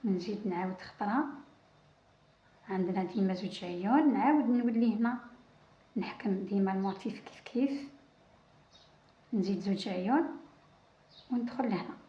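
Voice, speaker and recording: A woman's voice: mid-range voice, normal speed, pauses often, warm tone. A woman with an Algerian Arabic accent hosts a casual crochet tutorial, talking through her work with frequent restarts and counting. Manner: talks while working, many restarts and counting. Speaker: crochet channel host. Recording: roomy, dull lo-fi sound.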